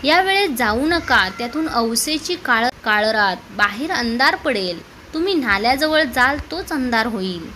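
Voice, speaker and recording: A woman's voice: fairly high pitch, expressive, a little slow, few pauses, sharp tone, a little hiss or hum. A woman voicing an old village woman who urgently warns a traveler not to set out at dusk. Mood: anxious warning. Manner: urgent warning tone.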